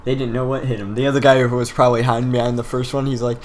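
A man's voice: mid-range voice, flat delivery, rapid-fire, darkish tone, slight background noise. A young man giving casual game walkthrough commentary, laid-back and swearing freely as he explains the route.

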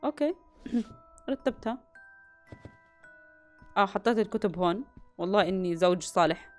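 A woman's voice: mid-range voice, animated, normal speed, darkish tone, faint music behind. A young woman, commentating a horror game, gasping and jumping between muttering and yelps. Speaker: gaming YouTuber.

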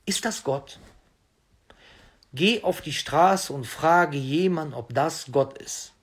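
A man's voice: on the high side, slow, breathy edge. A man giving an argumentative religious lecture as a preacher, insistent and full of rhetorical questions. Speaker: Islamic preacher.

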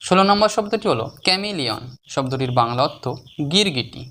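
A patient teacher runs a spelling lesson, sounding words out letter by letter and then syllable by syllable. The voice has a middling pitch and rises noticeably whenever a new word is announced. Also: lively intonation, fairly bright tone, a little hiss or hum. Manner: slow and deliberate when sounding out syllables. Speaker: English teacher.

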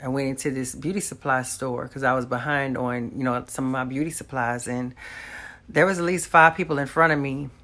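A woman's voice: extremely low pitch, fairly even intonation, a little fast, a bit bright. Earnest woman sharing a personal testimony. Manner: earnest, talks straight to viewers, faith-filled. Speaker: vlogger. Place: small room at home, indoors.

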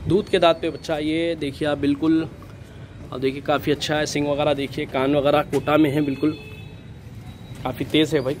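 A fairly high-pitched man shows a goat for sale in an outdoor pen, talking in a flat, even tone. He films on a handheld phone, and faint street noise runs underneath. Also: a little fast. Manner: flat, steady, repeatedly says "bhai". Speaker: goat farm seller. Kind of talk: casual sales walkthrough.

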